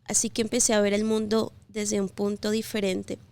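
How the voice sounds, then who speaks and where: A woman in her thirties from Colombia, telling her life story as an interview guest in a gentle, reflective way with pauses and fillers. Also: medium pitch, monotone. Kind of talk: personal testimony interview.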